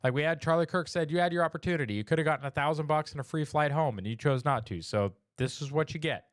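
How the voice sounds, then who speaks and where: A man's voice: on the high side, fast talker, dry recording, clean studio sound. A man hosting a weekly news livestream, mocking and chatting with viewers. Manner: mocking, sarcastic, talks to chat. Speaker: host of a weekly news stream. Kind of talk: casual livestream commentary.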